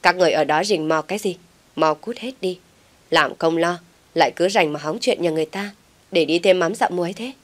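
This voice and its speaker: A woman's voice: on the low side, a little fast, close to an everyday voice. A woman voicing a scheming older uncle who feigns concern and scolds. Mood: scolding. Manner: scolding, sly.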